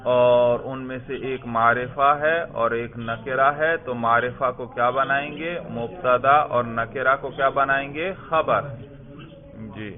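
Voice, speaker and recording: A man's voice: medium pitch, steady tone. A man teaching an Arabic grammar lesson, questioning students and drilling their answers. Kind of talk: classroom lesson. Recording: phone-like narrow sound.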